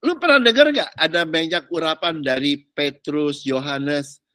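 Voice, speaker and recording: A man preaching, teasing and animated in slangy street talk, mimicking people as he goes. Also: on the high side, a little slow, no room sound, studio quality. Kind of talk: sermon.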